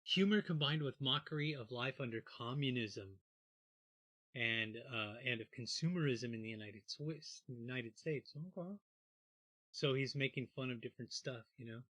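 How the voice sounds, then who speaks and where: A middle-aged man hosting a comedy livestream, rambling to himself and trailing off softly between bits. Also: medium pitch, normal speed. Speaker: podcast host. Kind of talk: casual livestream chat.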